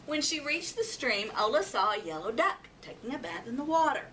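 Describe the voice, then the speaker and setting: A woman reads a children's story aloud, expressively acting out animal sounds and voices in a fairly high, very animated, fairly quick voice. The recording is noisy, with a distant microphone.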